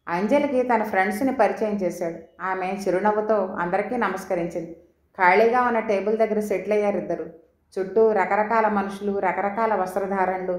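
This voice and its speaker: A woman's voice: medium pitch, roomy sound. A woman reading a novel aloud as an audiobook narrator, voicing the dialogue in her own voice. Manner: reads every character's dialogue in her own voice.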